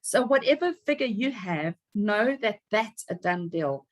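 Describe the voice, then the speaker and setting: A woman's voice: mid-range voice, animated, a little slow. A woman, giving an upbeat, emphatic motivational talk as a team leader on a video call. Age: 50s.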